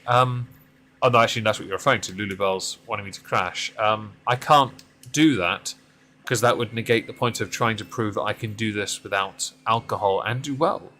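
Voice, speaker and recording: This mid-thirties streamer talks casually with his audience while driving in-game, wandering from topic to topic and running himself down. His deep voice carries a fairly bright tone, with a little hiss or hum in the audio.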